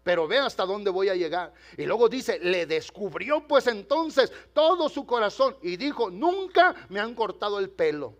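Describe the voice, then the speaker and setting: A man pastor preaching a sermon in Spanish, telling a story with dramatic pauses, asking the congregation to respond and slipping in English phrases. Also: high-pitched, sing-song. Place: church.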